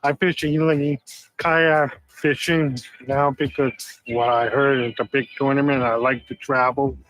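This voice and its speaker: A man from Texas, a kayak angler answering interview questions haltingly, searching for his words. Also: mid-range voice, little pitch movement, fairly bright tone, a little hiss or hum, low-quality recording.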